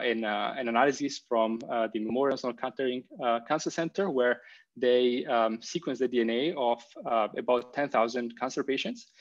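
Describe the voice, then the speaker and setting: A man in his thirties presents research over a video call, and his voice comes through as a screen recording of the call. He speaks at a middle pitch and fills his sentences with ums, uhs and restarts. The sound is dull and lo-fi. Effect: screen-recorded video-call audio. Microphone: computer mic on a video call.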